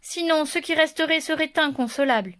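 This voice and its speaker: A woman's voice: high-pitched, brisk, a bit bright, pitched above the performer's own voice. A woman voicing a firm mother goat.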